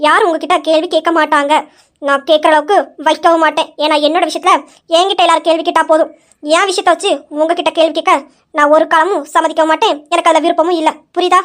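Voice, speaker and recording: A defiant young wife, played by a woman in a homemade audio drama, scolding and insistent. She speaks with a very high, rapid voice. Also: steady tone, a bit bright.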